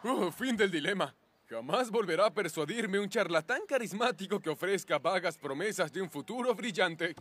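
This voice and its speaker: An actor with a Latin American Spanish accent playing a gullible, eager, muscular cartoon echidna with a husky voice. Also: male voice, high voice, animated, moderate pace, a bit bright, a little hiss or hum. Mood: earnest.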